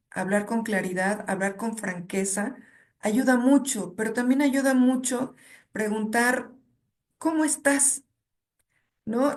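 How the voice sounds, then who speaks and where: A woman speaks a little higher than most. She answers questions reflectively, tells personal anecdotes and often checks in with a soft '¿no?'. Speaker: guest speaker and academic advisor. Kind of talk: conversational talk with personal anecdotes.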